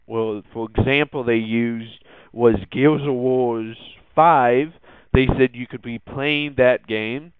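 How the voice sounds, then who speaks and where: A young man hosts a casual tech podcast, giving a news monologue in a smooth, mid-range voice full of hesitation, ums and restarts. The audio is dry and phone-like lo-fi, with no room sound.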